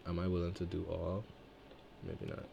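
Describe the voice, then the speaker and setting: A man's voice: low voice, very animated, moderate pace, creaky, dark tone, lo-fi sound, a little hiss or hum. A man in his twenties from Trinidad and Tobago giving casual gameplay commentary, rambling and thinking aloud between chatty stories about himself. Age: 20s. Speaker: let's-play gamer.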